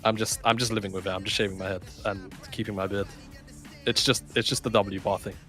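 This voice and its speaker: A man's voice: on the low side, fairly even intonation, quick pace, a bit bright, soft background music. A man, co-hosting a livestream and chatting casually with viewers. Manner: chatty, swearing, laughs often. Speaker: stream co-caster.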